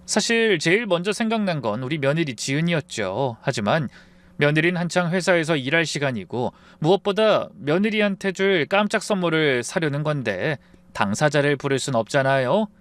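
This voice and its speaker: Brief: man storyteller, confiding and emotional, lively, slightly high voice. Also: normal speed. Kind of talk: scripted first-person narration.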